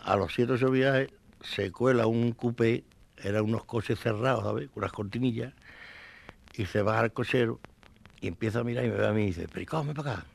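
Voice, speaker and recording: An older man, a flamenco singer telling an old anecdote in a lively way, acting out the voices. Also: on the low side, vocal fry.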